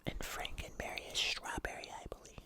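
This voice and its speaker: An ASMR eating-video host addresses the audience in an unhurried, casual manner, chatting away in a quiet unvoiced whisper held close to the mic.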